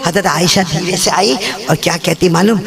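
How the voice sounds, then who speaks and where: High-voiced preacher calling to a crowd. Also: male voice, normal speed, creaky. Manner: calls on crowd to repeat and respond; joking asides to the audience. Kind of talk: live religious sermon with storytelling. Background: audience gathering.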